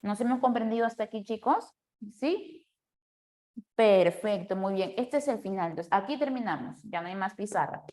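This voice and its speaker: A woman's voice: medium pitch, expressive, normal speed, a little mellow. A woman teaching a class, explaining step by step and often checking that the students follow along. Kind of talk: classroom lecture.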